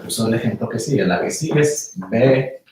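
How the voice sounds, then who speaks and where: A man's voice: mid-range voice, normal speed, background noise. Man teaching in an echoey room. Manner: relaxed, conversational, asks the class questions. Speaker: meditation teacher. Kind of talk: casual class lecture. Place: room with a small class. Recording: very echoey room, mic far off.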